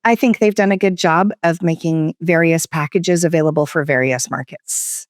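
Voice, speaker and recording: Smooth-voiced woman, lively and expressive. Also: sits low, normal speed, no room sound, studio quality. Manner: varied, expressive inflection. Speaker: guest expert. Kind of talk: conversational interview. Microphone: studio microphone.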